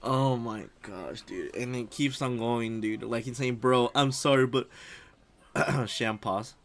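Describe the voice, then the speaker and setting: A young man talks over a video he is reacting to, looping back on himself with fillers and slang. His pitch sits in an ordinary middle range, and he breaks into laughter often. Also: slow pace, creaky. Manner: rambling, lots of fillers and "freaking", laughs often. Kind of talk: casual reaction commentary.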